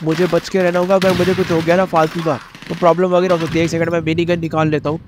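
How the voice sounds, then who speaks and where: Excitable young man over game gunfire. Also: on the high side, fast, noisy background. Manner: chatty, excitable, addresses viewers as guys. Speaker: gameplay commentator. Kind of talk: casual gameplay commentary. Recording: game gunfire and explosions behind.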